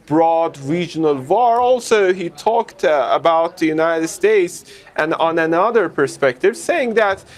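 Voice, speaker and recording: A man reporting live as a news correspondent, speaking unscripted in a halting, wordy way and rephrasing as he goes. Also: on the high side, lively intonation.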